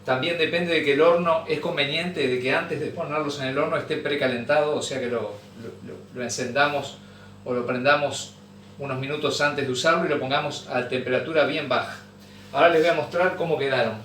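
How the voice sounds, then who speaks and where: Man, slightly high voice, home cooking host, patient and self-correcting, recorded from across an echoey kitchen. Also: fairly even intonation, brisk, fairly bright tone, slight background noise. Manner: patient, repeats and corrects himself. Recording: echoey room, mic far off.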